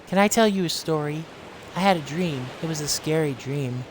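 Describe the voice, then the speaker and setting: A man voicing a gentle young woman heroine in his own voice, reading game dialogue in an earnest, soft way. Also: a little high, moderate pace, noisy background, lightly acted. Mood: wistful.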